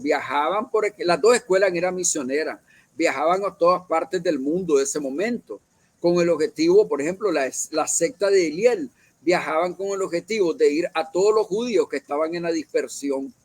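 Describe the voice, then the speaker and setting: A man's voice: a little high, dry recording. A man leading a Bible study, explaining at length, with many fillers and self-corrections. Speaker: church leader.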